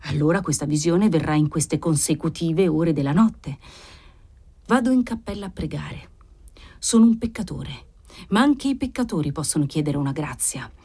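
A woman's voice: sits low, animated, normal speed, mellow, husky, voice pushed down. A woman reading the part of a zealous, desperate nobleman father, speaking with urgent insistence. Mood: solemn.

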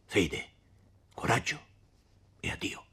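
A man voicing a kindly elderly friar in a storybook reading, speaking in a gentle, solemn, consoling way. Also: takes it slowly.

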